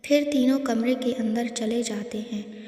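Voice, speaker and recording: A woman narrating a story in an even, unhurried storytelling manner, recorded in an echoey room. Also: fairly high pitch. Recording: echoey room with long reverb.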